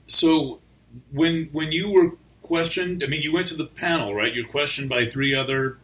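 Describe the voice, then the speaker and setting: A man's voice: fairly high pitch, moderate pace, a bit bright. A man interviewing a guest, pressing persistently with probing questions.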